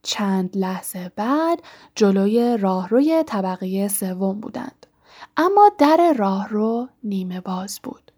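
A woman reading a story aloud in measured narration, sometimes dropping to a soft whisper. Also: medium pitch, animated. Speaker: audiobook narrator. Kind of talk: scripted narration.

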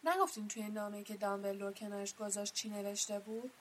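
A woman reading aloud and voicing Hagrid, a huge, quick-tempered male gamekeeper who speaks loudly and bluntly. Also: mid-range voice, fairly even intonation, slight background noise, lightly acted. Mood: emphatic. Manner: loud, blunt, indignant.

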